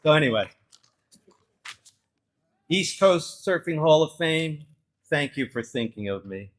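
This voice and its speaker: A man's voice: fairly high pitch, animated, takes it slowly. An older man giving an anecdotal acceptance speech as an award inductee. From New Jersey, United States.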